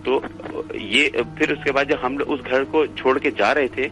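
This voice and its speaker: A man's voice: medium pitch, measured pace, soft background music. A middle-aged man from Pakistan, casually telling a haunting story and acting out his family's words. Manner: animated, acts out family members' lines.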